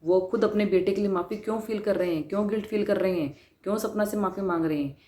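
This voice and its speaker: A woman's voice: mid-range voice, fast, dark tone. A woman vlogger giving an earnest, questioning commentary on a dispute. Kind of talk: spoken commentary. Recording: roomy with faint noise.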